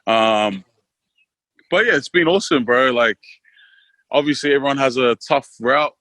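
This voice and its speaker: Speaking at a moderate pace in a mid-range, fairly bright voice, this twenty-something Australian from Queensland is a relaxed podcast guest. He keeps the interview casual, packs his speech with fillers, and laughs readily.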